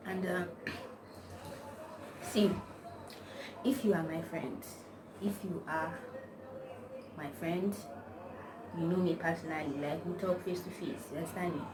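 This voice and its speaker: A young Nigerian-accented woman vlogs casually to camera, rambling through stories full of slang and constant "like." Her voice is lowish and fairly even in intonation, and she speaks slowly with frequent pauses. The mic sits at a distance, and the background is noisy.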